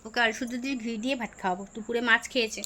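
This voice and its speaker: A woman's voice: on the high side, fairly even intonation, very fast, bright, forceful tone, a little hiss or hum. A young woman, chatting casually to viewers in a home vlog, often cooing at her child. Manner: chatty, talks baby-talk to her child. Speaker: vlogger. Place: home indoors.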